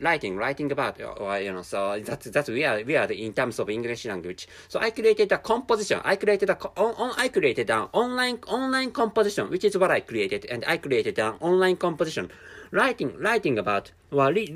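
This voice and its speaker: A native Japanese speaker with a Japanese accent hosts his own casual solo podcast from home, sipping a canned drink as he records. He speaks haltingly, restarting and repeating words while searching for them, in a slightly high, sing-song, somewhat bright voice.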